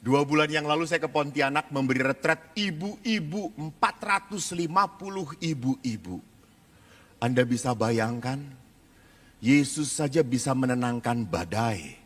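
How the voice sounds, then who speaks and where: A man preaching with a bright, sharp voice that swings widely up and down, rising high when he acts out the children and mothers in his stories. His sermon rings out with long reverb across a large hall. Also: lively intonation, unhurried. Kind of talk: lively sermon to a live audience.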